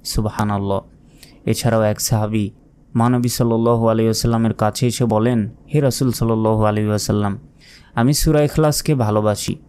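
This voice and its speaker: A man with a Bangladeshi Bengali accent teaching Quran recitation, calmly and patiently repeating each word. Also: fairly low pitch, brisk, smooth. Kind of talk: religious lesson with slow recitation.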